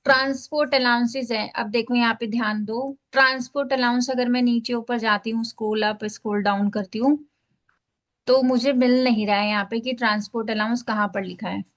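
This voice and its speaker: Brisk and on the high side, with fairly even intonation, a female teacher guides students through filing a tax form during a screen-share lesson. She explains each step in a Hindi-English mix and keeps checking in by repeating "ठीक है".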